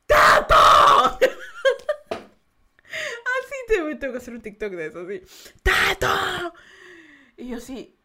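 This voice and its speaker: A young adult woman with an Ecuadorian accent chats through a podcast story. Her high voice swoops all over the place, and she giggles and breaks into little impressions of the people in her story. She often restarts mid-sentence in a loose, confessional way. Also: huge pitch swings, a little fast, fairly bright tone, slight background noise. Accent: Ecuadorian Spanish. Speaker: podcast host.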